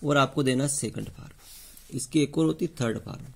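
Gravelly-voiced man teaching a class. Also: mid-range voice, normal speed. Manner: repeats key points as questions to the class. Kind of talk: explaining test answers to students.

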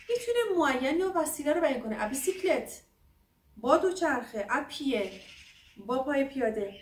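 Woman from Iran, French teacher, slow careful dictation of examples, somewhat high voice, distant mic in a roomy space. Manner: slow, drawn-out dictation of French examples between quick explanations. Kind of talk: language lesson.

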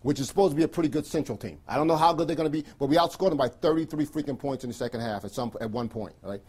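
A man's voice: mid-range voice, rapid-fire, a little mellow, breathy edge. A middle-aged man speaking as a basketball coach in a pregame team talk, giving emphatic, clipped instructions and often checking in with "right?". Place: small carpeted locker room, indoors.

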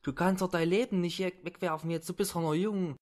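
Brief: a man playing a whiny, panicky bar thug, pitch jumping high when scared. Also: steady tone, fairly quick, darkish tone, close to an everyday voice. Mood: pleading. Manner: whiny, panicky, crude street slang. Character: frightened thuggish male barkeeper, half-blind.

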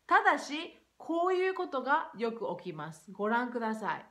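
A young woman talking casually to camera about English pronunciation, lively and switching between English and Japanese. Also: fairly high pitch, moderate pace.

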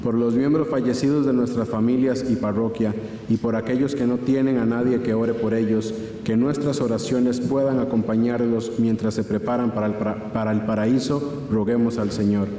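A man reads church intercessions in a formal, measured manner. His voice is soft-edged and mellow, and it rings out in heavy cathedral echo with a long reverberant tail. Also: mid-range voice, steady tone, slight background noise. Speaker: reader of prayer intentions. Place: large church, indoors.

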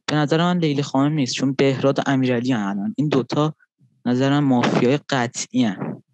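Animated man arguing his defense. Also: no echo, lo-fi sound. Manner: animated, rising pitch when arguing. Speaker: game player. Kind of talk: arguing in a party game.

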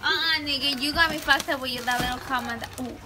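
A woman's voice: high voice, fast, background noise. A young woman in casual family banter, blunt and sweary with some Spanish words dropped in, recorded on a phone outdoors on a porch. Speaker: relative joining the vlog, godmother.

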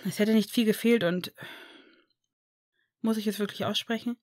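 A woman voicing a young male healer who scolds his injured friend in a brisk, worried way, read from a fan fiction story. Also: medium pitch, steady tone, a little mellow, no room sound, clean studio sound, natural voice. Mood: scolding.

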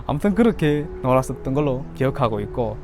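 A man in his thirties from Yanbian, China, talks casually to camera in a Chinese-Korean Yanbian accent, sharing childhood memories as a YouTuber. His mid-range voice is very animated, a little mellow, and quick.

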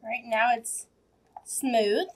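A young woman with a fairly high voice gives simple step-by-step instructions while she works in a kitchen. A faint hiss sits under her voice. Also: fairly even intonation, very slow. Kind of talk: cooking demonstration. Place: home-style kitchen.

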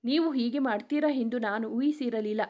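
A woman's voice: a little high, normal speed, mellow, natural voice. A woman voicing a tearful wronged young wife. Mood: bitter. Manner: pleading, crying reproach.

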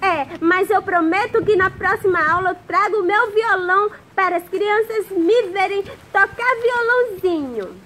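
A woman's voice: very high voice, moderate pace, hardly any pauses, a bit bright, voice pushed up. A woman doing Zezinho, a cheerful boy puppet. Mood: eager. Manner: eager, playful, childlike. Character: cheerful little boy puppet who plays guitar. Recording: noisy background.

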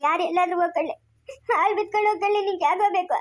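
A woman's voice: very high-pitched, racing. A woman playing a harsh village mother who scolds her young son with repeated questions, in a family drama. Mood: scolding. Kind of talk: amateur family drama acting.

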